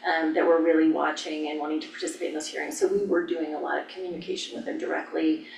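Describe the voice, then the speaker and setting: An American woman, a staff official, giving informal updates at a public meeting with hesitant, halting phrasing. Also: low-pitched, steady tone, vocal fry, a little mellow. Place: indoor public meeting room. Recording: echoey room, distant mic, faint noise.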